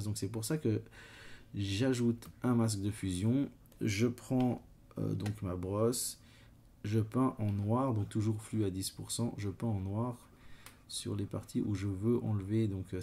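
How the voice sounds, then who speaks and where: A man's voice: on the low side, dark tone. A man with a Swiss French accent explaining photo retouching step by step, hesitant and full of fillers as he works. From Switzerland. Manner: hesitant, many fillers, talks while working. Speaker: photo editing tutor. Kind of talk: screen-recorded software tutorial.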